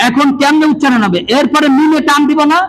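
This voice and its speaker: A man's voice: very high voice, fast talker, a crowd in the background, poor audio. A man teaching a Quran recitation class, drilling his students in call-and-response and often raising his voice. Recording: loud class and room noise.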